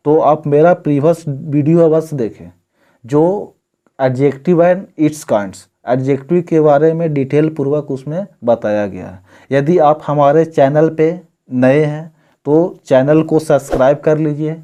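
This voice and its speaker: Guy teaching grammar, bit high voice, mellow, reads word lists slow one by one. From India. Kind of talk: classroom-style grammar lesson.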